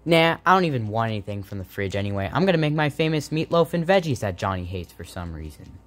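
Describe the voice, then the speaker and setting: A man voicing a goofy, excitable, suspicious suburban dad in an amateur sock puppet comedy. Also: mid-range voice, fast talker, voice pushed down, close to an everyday voice. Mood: flustered.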